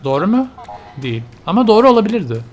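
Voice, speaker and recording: A man's voice: high voice, big pitch swings, fast talker, faint music behind. A man commentating a horror video game, nervous and muttering to himself as he plays. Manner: jittery, mutters to himself while playing. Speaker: let's play gamer.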